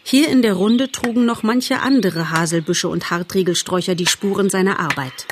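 A woman narrates a storybook in a calm, measured way, her voice in a middle range. There is faint noise in the background. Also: medium pitch. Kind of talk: audiobook reading.

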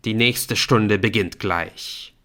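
A man voicing a calm adult schoolteacher who speaks in a measured, firm way. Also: lowish voice. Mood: calm authority. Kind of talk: audiobook character voice.

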